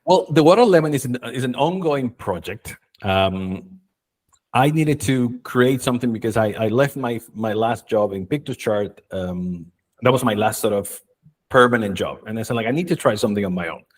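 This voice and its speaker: A man's voice: mid-range voice, expressive, moderate pace. Chilean-born man telling his story. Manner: enthusiastic, storytelling, frequent fillers. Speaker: guest, marketing and video expert. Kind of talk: casual interview chat.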